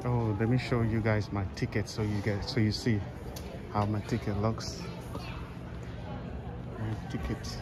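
A man's voice: lowish voice, little pitch movement, a little slow, long pauses. A middle-aged man narrating a casual walking vlog in a rambling, repetitive way into a handheld phone. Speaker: travel vlogger. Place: large indoor airport terminal. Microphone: phone held at arm's length. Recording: noisy airport terminal ambience. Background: clear terminal ambience noise.

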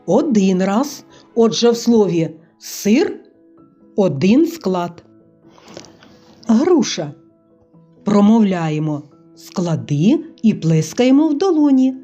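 A woman teaching a scripted phonics lesson to young children, speaking slowly and patiently. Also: mid-range voice, very animated, warm tone. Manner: slow, patient, sing-song teaching to small children. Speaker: kindergarten teacher. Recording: dull lo-fi recording with faint music.

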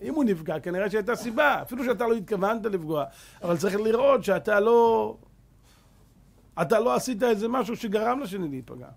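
Rabbi guy giving a torah class, pretty high voice, goes loud then quiet, tells stories. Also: vocal fry. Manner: animated storyteller, swings between loud and hushed; acts out characters in anecdotes. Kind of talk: religious lesson to a congregation.

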